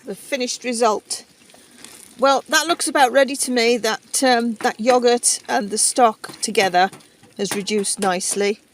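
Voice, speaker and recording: A camping cooking vlogger chats casually to camera while cooking inside a heated stove tent, thinking out loud as she works. Her voice is a little high and unhurried, with a faint hiss or hum on the recording.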